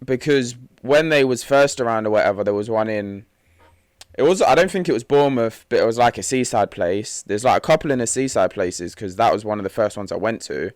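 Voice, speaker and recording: A man's voice: fairly low pitch, lively intonation, brisk, darkish tone, no echo, studio quality. A young man chatting casually on a podcast, using slang, laughing easily and trailing off mid-sentence. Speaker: podcast co-host. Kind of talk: casual chat.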